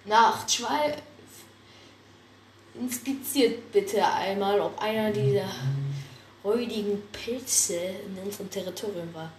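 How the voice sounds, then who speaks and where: A woman voicing an aggressive, hot-tempered male warrior cat leader who shouts his lines, in a spoken story. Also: mid-range voice, slow, reverberant, a little hiss or hum, lightly acted. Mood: scornful.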